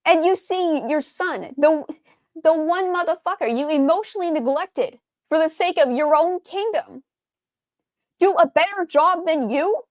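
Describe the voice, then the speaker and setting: A woman's voice: very high-pitched, unhurried, no room sound. A young adult woman streamer doing game reaction commentary, ranting in an exasperated tone and swearing freely.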